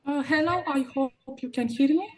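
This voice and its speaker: A woman's voice: sits high, normal speed. A young woman, a master's student, giving a conference presentation over a video call, hesitant and full of uh fillers and restarts. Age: young adult. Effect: remote speaker on a video call.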